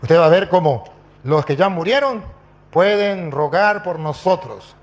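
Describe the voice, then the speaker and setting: Middle-aged priest who preaches animatedly and acts out stories; high-pitched male voice. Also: a little slow. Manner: animated, quotes scripture and acts out dialogue.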